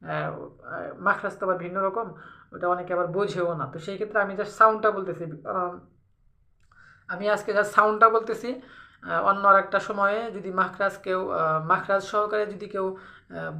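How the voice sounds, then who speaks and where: A woman giving a casual spoken lesson on pronouncing Arabic letters, pausing often on fillers and repeating syllables slowly for practice. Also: medium pitch, gravelly, bright, forceful tone. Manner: hesitant, many fillers, repeats letter sounds for drilling. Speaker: Arabic letter pronunciation teacher.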